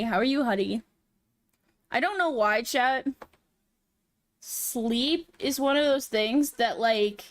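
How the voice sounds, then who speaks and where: Cute high-voiced woman livestreamer. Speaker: VTuber livestream host. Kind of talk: casual livestream chat while drawing.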